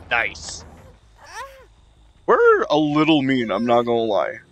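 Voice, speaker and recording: A man's voice: medium pitch, noisy background. A young man casually commenting on his own gameplay, swearing and talking to himself as he plays. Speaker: gaming YouTuber.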